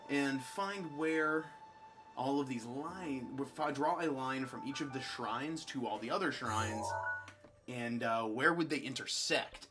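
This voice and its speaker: Excitable man chatting over gameplay. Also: medium pitch, poor audio. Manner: chatty and excitable, many restarts. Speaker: game commentator. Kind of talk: casual let's play commentary.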